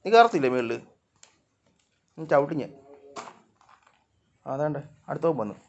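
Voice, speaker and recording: Man loudly coaxing his cats. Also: a little high, big pitch swings, unhurried, lo-fi sound, a little hiss or hum. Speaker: vlogger. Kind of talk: casual talk to his cats.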